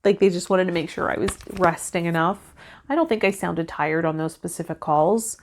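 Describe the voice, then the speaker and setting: A woman in her thirties with a fairly low voice speaks in a steady tone at a moderate pace, with slight background noise. Hosting a tarot video, she talks to camera in an unhurried, reflective vlog style, partly reading card meanings aloud. She's indoors on a small home filming set with a fabric backdrop.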